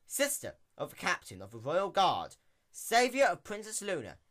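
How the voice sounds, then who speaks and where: Man as a theatrical, officious mayor mare, raised pitch. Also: fairly bright tone, full character voice. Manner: theatrical, exasperated, lecturing. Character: stern, weary female pony mayor, officious. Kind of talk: dramatic reading of fan fiction.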